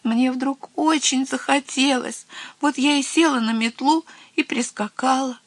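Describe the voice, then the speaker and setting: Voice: unhurried, no room sound. A small, timid witch girl speaks in a raised, pleading voice that trembles with fear, as the storyteller puts her on. Her lines sit well above the narration. It has the feel of a storybook reading. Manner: high, pleading, shaky with fear.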